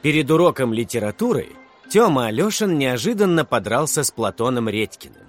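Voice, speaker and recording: Man, storybook narrator, expressive, lively melody, slightly high voice, faint music behind. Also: a little fast. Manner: expressive, animated. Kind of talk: storybook reading.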